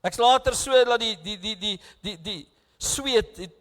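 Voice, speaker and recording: A South African man preaching a sermon as pastor, earnest and close to tears, his delivery swinging between hushed and raised. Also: high-pitched, normal speed. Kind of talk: bilingual sermon. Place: church. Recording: echoey church hall.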